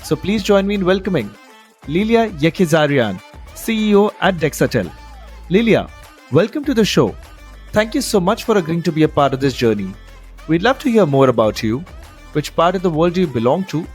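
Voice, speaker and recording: A man hosting a podcast interview in a formal, effusive way, warmly praising his guest. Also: fairly high pitch, very animated, fairly quick, faint music behind. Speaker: podcast host.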